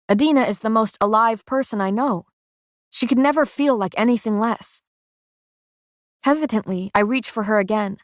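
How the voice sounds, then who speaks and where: A woman narrating a first-person fantasy audiobook in a steady, measured reading voice that slows at tense moments. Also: a little high, no room sound, clean studio sound.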